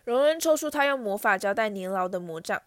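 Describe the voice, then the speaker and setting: A woman narrating a storybook chapter aloud in a steady reading voice. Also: mid-range voice, fairly quick, dry recording, studio quality. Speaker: audiobook reader.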